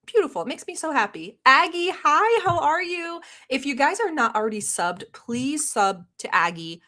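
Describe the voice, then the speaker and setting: This reaction streamer, a woman born in Turkey with Turkish as her native tongue, has a high, bright, sing-song voice with a forceful edge at normal speed. She keeps things casual on her live stream, laughing frequently and reading the chat out loud.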